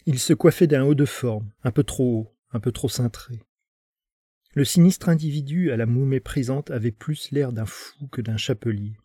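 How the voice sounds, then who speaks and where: Man narrating a story, mellow, husky, soft music behind. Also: medium pitch, moderate pace, no room sound. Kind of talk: dramatic story reading.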